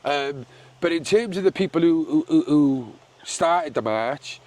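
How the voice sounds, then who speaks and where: A Welsh-accented man with a fairly high voice, hosting a vlog. He chats and interviews informally, with plenty of swearing and matey slang. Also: expressive, measured pace, darkish tone. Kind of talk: casual chat, informal interviewing.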